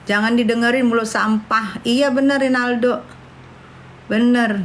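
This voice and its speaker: A woman's voice: on the high side, steady tone, a little slow, a little hiss or hum. A woman, chatting brashly and scornfully on a livestream, calling her viewers darling. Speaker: livestream host. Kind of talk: casual livestream chat with viewers.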